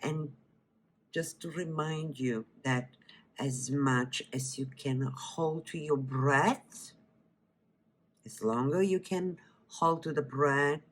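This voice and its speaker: Speaking with a Bulgarian accent, this wellness teacher from Bulgaria leads a guided breathing meditation before giving a cooking demonstration. Her voice is very deep, her pace slow and gentle, and her words frequently drift into whispers.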